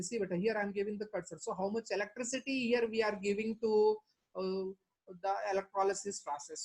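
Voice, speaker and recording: A woman's voice: mid-range voice, darkish tone, rough recording. Indian woman teacher with a South Indian accent. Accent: South Indian, Telangana. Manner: repetitive, with rhetorical questions and verbal tags. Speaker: chemistry teacher. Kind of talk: online exam-prep lecture.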